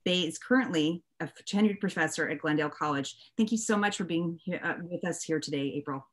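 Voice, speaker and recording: A woman instructor reads a formal introduction of a guest speaker, steady and even, from a home office on a video call. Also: sits low, fairly quick. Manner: steady, formal reading of a biography.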